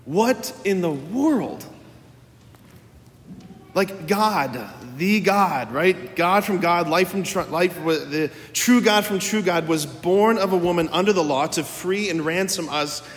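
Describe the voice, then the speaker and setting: A man delivers an informal, conversational sermon. His voice sits a little high and he often repeats phrases for emphasis. The sound has the long reverb of a big church. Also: measured pace, few pauses, fairly bright tone. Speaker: preacher. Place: large church.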